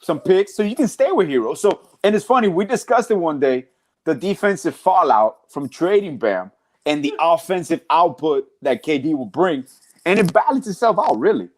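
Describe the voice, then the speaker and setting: A man's voice: fairly high pitch, big pitch swings, moderate pace. Easygoing male sports podcast host. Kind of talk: casual sports podcast chat.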